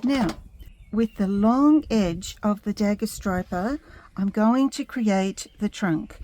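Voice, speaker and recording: Slow, mellow woman painting instructor, gentle. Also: mid-range voice, a little hiss or hum. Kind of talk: step-by-step painting tutorial narration.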